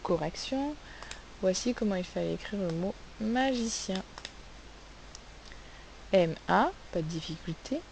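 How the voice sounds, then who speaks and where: A woman teaching a phonics lesson, sounding out letters and syllables slowly and asking the class questions. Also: mid-range voice, animated, vocal fry, a little mellow, poor audio. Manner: slow, carefully spelled-out sounds, asks questions. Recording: faint hiss.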